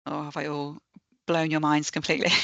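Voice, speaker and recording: A woman's voice: sits low, level tone, moderate pace, vocal fry, a bit bright, no room sound, highs cut off. A woman presenting an online training session in a friendly, lightly joking way. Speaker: webinar presenter.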